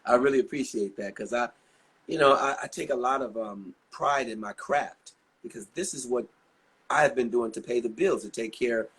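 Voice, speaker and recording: A husky-voiced man in his sixties talks as an interview guest. He rambles through anecdotes in a casual, chatty way with many asides. His pitch sits in a middle range for a man. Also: moderate pace, a bit bright. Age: 60s. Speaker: guest singer.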